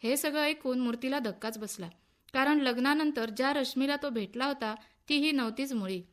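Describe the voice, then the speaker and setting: Woman storyteller for radio, high voice, steady and expressive. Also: normal speed.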